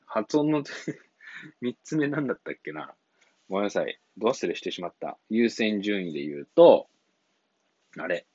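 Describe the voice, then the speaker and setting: A man's voice: on the low side, very animated, normal speed, pauses often, darkish tone, husky, no room sound, muffled recording. A man hosting an English-coaching podcast, talking casually and rambling, often chuckling and apologizing as he loses his thread. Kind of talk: casual solo podcast talk.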